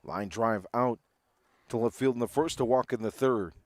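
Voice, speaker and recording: A man's voice: medium pitch, moderate pace, dry recording. A man doing live baseball play-by-play, with a home run call style that stretches out on big hits.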